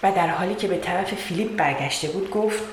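A woman storyteller reads a children's tale with calm, measured pacing. Her voice sits lowish, and the recording is roomy with steady noise behind it. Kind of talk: scripted storybook narration. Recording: roomy echo with background noise.

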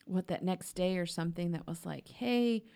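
A woman hosting a casual chat, teasing the others and reacting quickly with laughs. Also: lowish voice, level tone, vocal fry, warm tone. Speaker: host.

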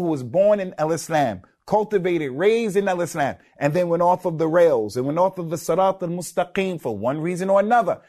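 A man delivers a religious lecture, his voice sitting fairly high for a man. He speaks emphatically and stacks repeated words for stress. He weaves Arabic phrases into his English. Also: darkish tone. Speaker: Islamic preacher.

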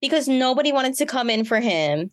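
A woman's voice: high-pitched, fairly quick, no echo. Young woman chiming in with exclamations. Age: young adult. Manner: animated, exclaiming. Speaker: guest. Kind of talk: casual chat.

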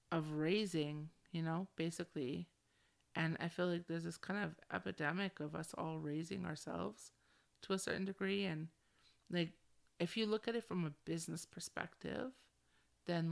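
Her voice is deep, with noticeable vocal fry. The speaker is a middle-aged woman running a solo podcast, frank and relaxed in tone, using slang and frequent valley-girl "like"s.

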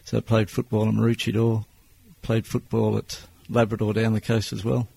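This Australian man in his sixties, a business owner, responds to interview questions with a measured, plain-spoken delivery. His voice sits on the low side, monotone yet warm, with a creaky, husky texture, and the audio quality is poor.

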